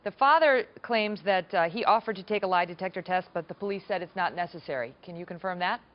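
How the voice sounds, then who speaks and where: A woman's voice: fairly low pitch, quick pace, lo-fi sound. A woman as a news anchor in a live TV interview, pressing her guest with persistent questions.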